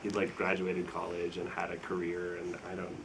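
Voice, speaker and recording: A young man, a filmmaker, chatting casually in a Q&A after a screening, relaxed and rambling, laughing often. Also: sits low, normal speed, a little hiss or hum. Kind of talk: casual Q&A chat. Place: screening room with an audience.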